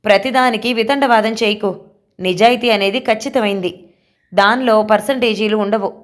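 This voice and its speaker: A woman's voice: fairly high pitch, normal speed, lightly acted. A woman voicing a stern middle-aged mother who scolds in a harsh, cutting, reproachful way, in an audio novel. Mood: scolding.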